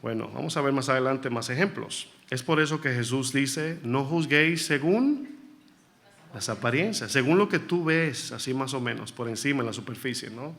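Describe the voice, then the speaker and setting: A man's voice: medium pitch, brisk, vocal fry, few pauses, fairly bright tone. A male pastor preaching a sermon in a conversational, storytelling way, with frequent rhetorical questions to the congregation.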